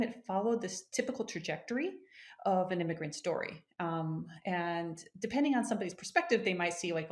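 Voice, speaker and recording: Conversational woman guest from Japan. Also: medium pitch. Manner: conversational, with restarts and frequent "right?". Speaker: executive coach. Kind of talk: interview guest telling her story.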